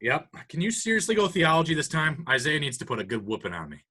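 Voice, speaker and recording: A man's voice: a little high, wildly swooping pitch, fast, pushed and bright, breathy edge. A young man hosting a casual podcast, running a trivia game, teasing his co-hosts and laughing often. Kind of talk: casual chat.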